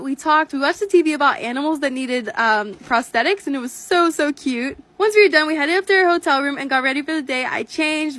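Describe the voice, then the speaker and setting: A woman's voice: high voice, a bit bright, dry recording. An eighteen-year-old woman narrating a vlog voice-over in a gushing, upbeat storytelling way. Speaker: vlogger.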